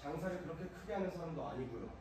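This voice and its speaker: A man acting in a live stage play as an eager, pushy art buyer with a brisk, insistent manner. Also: a little high, expressive, close to an everyday voice. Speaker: student stage actor. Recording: echoey hall, miked from far off.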